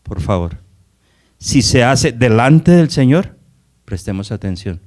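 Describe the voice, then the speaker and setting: A man's voice: mid-range voice, animated, a little slow, a little mellow. Man preaching a Bible study sermon. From Colombia. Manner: preaching with rhetorical questions and asides to the congregation. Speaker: pastor.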